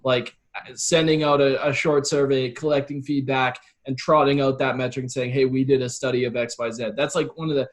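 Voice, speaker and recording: This Calgary-born interview guest, who works as a copywriter and consultant, explains things in an earnest, casual way and often voices sample quotes. His voice is mid-range and level in tone, and he talks fairly quickly.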